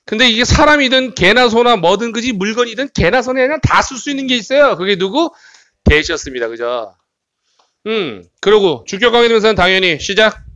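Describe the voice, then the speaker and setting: A man's voice: high-pitched, expressive, fairly quick, sharp tone, dry recording. A man teaching English grammar at a cram school, reading English sentences aloud and translating them while checking students with tag questions. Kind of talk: exam-prep grammar lecture.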